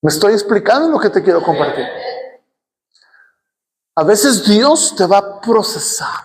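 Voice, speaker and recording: A middle-aged man with a Mexican accent, a pastor telling a personal story and then preaching with mounting, shouted passion in a church. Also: high voice, very animated, unhurried, a little hiss or hum. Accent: Mexican Spanish. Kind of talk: sermon.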